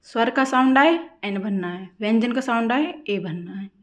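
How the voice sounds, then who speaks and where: A woman teaching an English grammar lesson for exam students, asking questions and answering them herself, repeating key words slowly. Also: a little high, animated. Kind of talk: classroom-style lesson explaining grammar.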